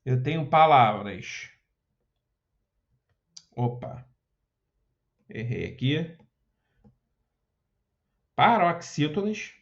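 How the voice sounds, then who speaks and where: A man's voice: fairly high pitch, sing-song, very slow, long pauses, dull audio. A man teaching Portuguese grammar for an exam, explaining step by step and often checking in with short questions. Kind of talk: exam prep lesson walking through questions.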